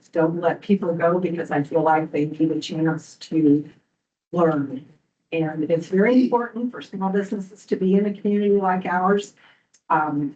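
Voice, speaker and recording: A woman giving a hesitant public comment at a board hearing, full of ums and restarts, in a courtroom-style recording. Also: low-pitched. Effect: courtroom-style hearing room recording. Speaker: local business owner speaking at a public hearing. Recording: dull distant hearing room recording.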